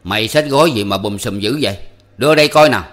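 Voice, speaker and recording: A man voicing a harsh, bullying village man who yells and scolds contemptuously in a spoken storybook reading. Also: fairly low pitch, quick pace, natural voice. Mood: gruff.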